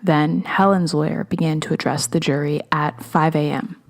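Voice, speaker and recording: A woman podcast host narrating a true-crime story in a measured, steady way. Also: low-pitched.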